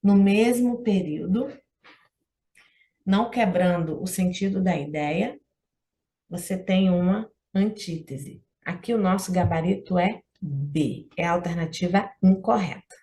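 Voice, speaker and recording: A woman's voice: fairly low pitch, measured pace, warm tone. Brazilian woman, exam-prep teacher, patient step-by-step explainer of test questions. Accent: Brazilian Portuguese. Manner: explanatory, checks in with listener often.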